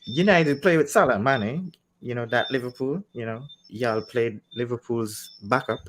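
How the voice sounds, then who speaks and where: A man's voice: mid-range voice, normal speed, background noise. A man in a casual football podcast, teasing and pushing back at his co-hosts. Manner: teasing, lively, laughs a lot. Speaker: podcast co-host, United fan.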